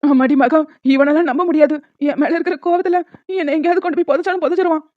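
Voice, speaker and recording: A woman's voice: high voice, fairly even intonation, quick pace, no echo, voice pushed up, natural voice. A woman voicing an ailing older father in a cartoon serial, weak and pleading. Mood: suspicious. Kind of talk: Tamil cartoon serial voice acting. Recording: dull lo-fi sound.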